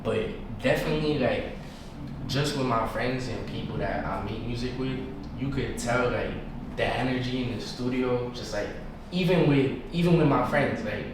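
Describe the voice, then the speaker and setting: In a mid-range voice at normal speed, a young man with a New York accent, from New York in the United States, chats casually as a podcast's musician guest, using plenty of slang. Background noise, room echo and a distant mic color the recording.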